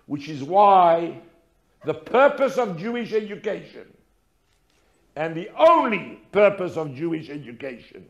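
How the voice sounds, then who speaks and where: The audio is dull, and the man's gravelly voice sits high. An older storyteller lecturing an audience about his personal experiences, he delivers it dramatically and emphatically, with rhetorical questions and repetition.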